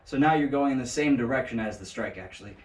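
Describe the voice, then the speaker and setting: A man's voice: medium pitch, quick pace. A man giving a casual martial arts lesson, joking and thinking aloud as he demonstrates, recorded on an action camera set some way off in an indoor training space. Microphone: action camera set at a distance. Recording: echoey room, distant camera mic, faint noise.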